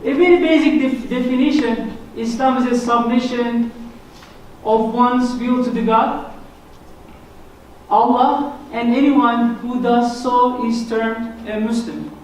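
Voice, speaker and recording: A man's voice: extremely high pitch, fairly even intonation, takes it slowly, darkish tone. Turkish-accented man lecturing in an echoey hall. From Turkey. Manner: earnest, explanatory, self-deprecating humor. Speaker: guest speaker. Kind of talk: church presentation on Islam. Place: church hall. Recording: echoey hall, mic from a distance, faint noise.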